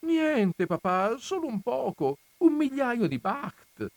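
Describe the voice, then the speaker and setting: A high-pitched little alien boy, eager and whiny, begging and pleading in a childish voice, as a man reads him aloud. The sound is dry and close, with a bouncy, lively lilt. It is a storybook voice. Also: slow, no echo, full character voice. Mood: sheepish.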